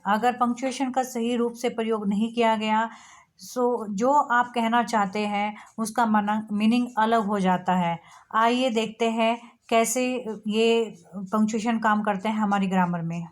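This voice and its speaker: A woman's voice: fairly high pitch, roomy sound. A woman teaching a grammar lesson to students in mixed with English words, explaining step by step with spoken examples.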